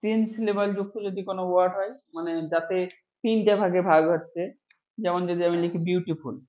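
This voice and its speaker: A man with a high-pitched voice teaches a grammar lesson, walking through each rule step by step. He stretches out the example words slowly so they can be heard clearly. The recording is echoey and dull, like a lo-fi room recording. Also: steady tone.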